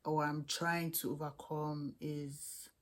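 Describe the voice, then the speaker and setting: Her voice is deep, slow and flatly delivered as she casually answers viewers' questions to camera about student life and faith. The speaker is a young Nigerian-accented woman who vlogs as an international student, and her candid chatter is full of restarts.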